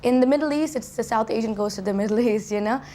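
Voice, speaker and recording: A young woman who grew up in Saudi Arabia answers interview questions as a college student guest, speaking from a university dorm. Her voice is a little high, fast, and warm, and she chats freely with many restarts and "like" fillers. Slight background noise can be heard.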